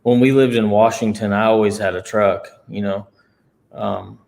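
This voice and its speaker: A man hosting a casual livestream chat from his new home, relaxed and rambling, with lots of fillers. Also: fairly low pitch, normal speed, creaky. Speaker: livestream host.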